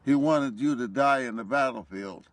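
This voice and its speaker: A man's voice: mid-range voice, moderate pace, no echo. A man in his nineties, a war veteran telling wartime stories in an interview and chuckling through his anecdotes. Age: 90s. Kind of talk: recounting wartime memories.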